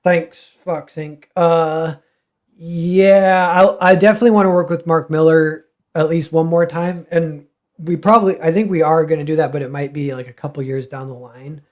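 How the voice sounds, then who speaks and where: A man's voice: on the high side, steady tone, normal speed, a little mellow. A man, a comic artist guest, talking casually and ramblingly with many fillers and restarts. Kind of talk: casual livestream chat.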